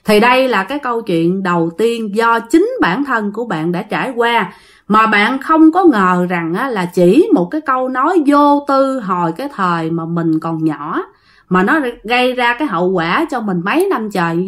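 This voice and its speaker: A woman's voice: medium pitch, expressive, moderate pace. A woman with a Southern Vietnamese accent retelling a ghost story, talking straight to her listeners and repeating words to build suspense.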